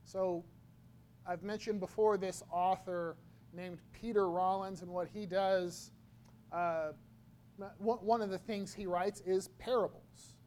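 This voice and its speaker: A man preaching a sermon, slow and halting, often repeating his words as he goes. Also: high voice, steady tone, a little mellow, slight background noise. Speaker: pastor.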